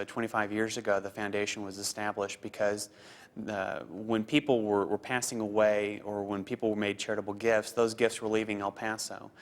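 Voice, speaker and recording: Interviewed about his work, a man in his thirties who grew up in Costa Rica and serves as a foundation program officer replies earnestly, pausing with fillers and going back over his words. His voice sits on the low side.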